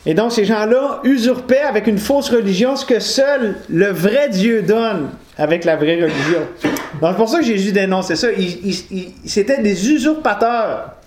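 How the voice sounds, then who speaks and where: Speaking to a live congregation, a man gives an informal sermon in a loose, conversational style, drifting into humorous digressions and correcting himself along the way. His voice is notably high for a man and a little mellow, at normal speed. The hall-like recording has a roomy echo and a little hiss or hum.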